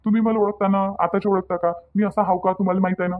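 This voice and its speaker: Cartoon husband: performer voicing a quick, pleading young man, Varhadi accent, tinny phone-like sound. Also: mid-range voice, flat delivery, natural voice. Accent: Vidarbha Marathi (Varhadi). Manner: pleading, defensive. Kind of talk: cartoon voice acting.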